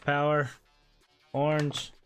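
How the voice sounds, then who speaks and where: Man, slow casual talk, mutters while repairing consoles, swears now and then, faint music behind. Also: fairly high pitch, completely flat delivery, fairly bright tone. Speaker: repair channel host.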